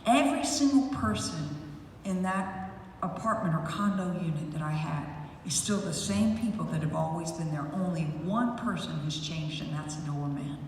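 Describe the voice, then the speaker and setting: A woman's voice: lowish voice, moderate pace. Lady telling stories at a rally over the pa, echoes all over, far off, crowd murmur behind. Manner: rambling storyteller who grows loud and rousing, leads chants. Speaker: rally warm-up speaker. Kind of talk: personal anecdotes in a political rally speech. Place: outdoor campaign rally. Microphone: public address system picked up from a distance. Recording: echoey, distant rally sound with crowd noise.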